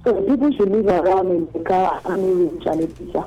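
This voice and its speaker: Woman caller, clipped phone line, short halting replies, dull muffled sound. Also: fairly low pitch, crowd noise. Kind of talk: call-in to a radio jobs show.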